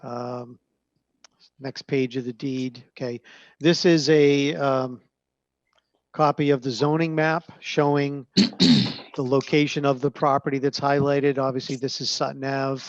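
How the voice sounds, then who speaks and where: A man on a video call, presenting application documents to a zoning board page by page in a measured, hesitant way with frequent fillers. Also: medium pitch, little pitch movement, no echo. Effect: heard over a video call. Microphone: computer microphone on a video call. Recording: dull, narrow-band call audio.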